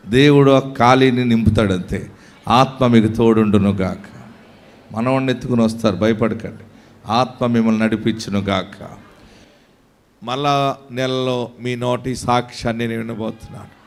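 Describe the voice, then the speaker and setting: A man preaching a sermon as pastor, exhorting and commanding his congregation and at times rising to shouts. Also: mid-range voice. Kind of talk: sermon with prayer.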